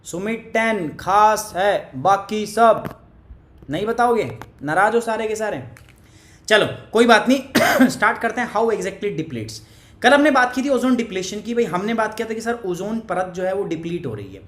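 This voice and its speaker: A man's voice: high-pitched, animated, a little fast, a bit bright. A male teacher with a cough, giving a chatty live online class and teasing viewers by name. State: has a cough. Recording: echoey room.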